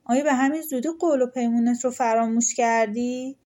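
A woman's voice: fairly high pitch, fairly even intonation, mellow, natural voice. A woman voicing a shrewd, cautious peasant husband who talks persuasively in a folktale audiobook. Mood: warning. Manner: pleading, persuasive.

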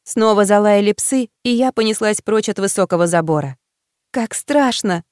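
A woman narrating a first-person audiobook in an expressive manner, voicing the heroine's emotional lines. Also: medium pitch, a little fast, clean tone, no room sound, studio quality.

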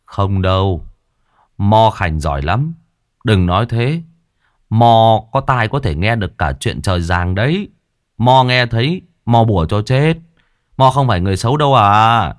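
A man's voice: lowish voice, lively intonation, unhurried, dry recording, studio quality. A male storyteller voicing a frightened, superstitious village man who talks earnestly and insists. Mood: insistent.

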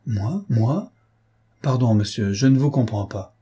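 Onésime, a man reading as a timid gentle young man. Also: medium pitch, expressive, unhurried, breathy edge. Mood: gentle, hesitant. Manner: soft, hesitant and trembling, yet dignified.

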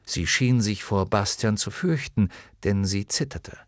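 A man's voice: on the low side, unhurried, dry recording. A man narrating a fantasy audiobook in a studio, telling the story expressively. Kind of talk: scripted narration.

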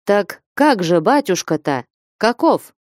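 A woman voicing a young male merchant who coaxes and calls out loudly. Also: mid-range voice, sing-song, takes it slowly, no echo, studio quality, voice pushed up. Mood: insistent.

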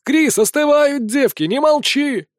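Rowdy shrill succubus women, voiced by a man. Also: animated, measured pace, no echo, studio quality. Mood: rowdy teasing. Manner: loud teasing tavern shouts. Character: rowdy drunken female succubi shouting.

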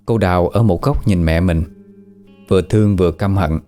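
A man narrating a scripted horror story in a steady, somber way. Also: sits low, normal speed, faint music behind.

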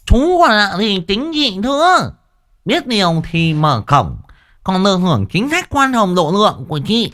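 A woman voicing a loud, brutish middle-aged village woman who bellows threats in lisping, slurred speech. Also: mid-range voice, sing-song, unhurried. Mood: menacing.

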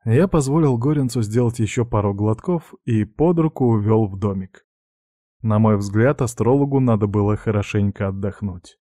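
Dark-voiced male audiobook narrator. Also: on the low side, moderate pace, no room sound, studio quality. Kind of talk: audiobook reading.

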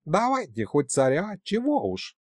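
A man's voice: sits high, big pitch swings, a little slow, dry recording, pitched above the performer's own voice, heavily acted. A man voicing a young female kikimora who chatters eagerly and boasts. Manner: rattling, eager.

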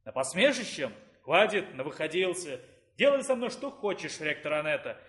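A man reading the part of a weary, stubborn male dean of a dark faculty in an audiobook, grumbling and bitter. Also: on the high side, very animated, normal speed, pitched below the performer's own voice.

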